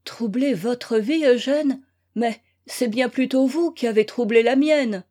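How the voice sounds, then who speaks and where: A woman's voice: fairly high pitch, measured pace, warm tone. A woman reading a novel aloud and voicing a young widow who begs her former love to hear her out, imploring and emotional. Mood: pleading. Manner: imploring, breathless emotional pleas. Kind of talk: read-aloud novel, acted dialogue.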